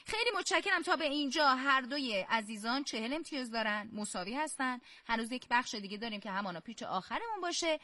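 Quiz host woman, slightly high voice. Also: lively intonation, sharp tone, no echo. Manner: slow, carefully spelled-out questions; encouraging praise. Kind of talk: quiz show hosting.

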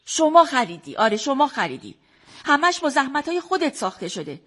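A woman's voice: sits high, sing-song, fairly bright tone. An actress playing a young woman athlete who pleads with her uncle and argues with her mother in a radio drama. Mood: defiant. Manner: pleading and defensive.

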